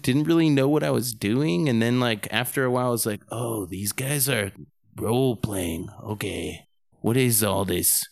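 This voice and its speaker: A man's voice: mid-range voice, vocal fry, smooth, no echo. A man co-hosting a casual gaming podcast, telling anecdotes with lots of "like" and some swearing. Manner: animated storyteller, swears, says "like" often. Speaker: podcast co-host.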